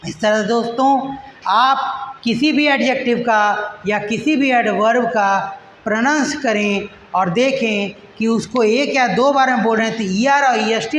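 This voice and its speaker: A male English teacher giving a grammar lesson, who spells and repeats words slowly syllable by syllable and addresses listeners as friends. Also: extremely high pitch, a bit bright. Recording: echoey room with long reverb, faint noise.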